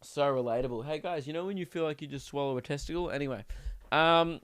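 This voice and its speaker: A man from Melbourne with an Australian accent, hosting his podcast and telling a comic story in an animated, slangy way. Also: a little high, fast talker, no echo, studio quality. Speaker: podcast host, comedian.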